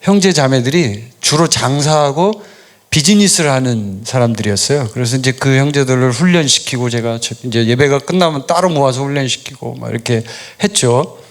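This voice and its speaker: A middle-aged man, a pastor, preaching a sermon in a relaxed storytelling way, asking questions and answering them himself. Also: mid-range voice, brisk. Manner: storytelling, conversational, asks and answers his own questions. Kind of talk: sermon with personal stories.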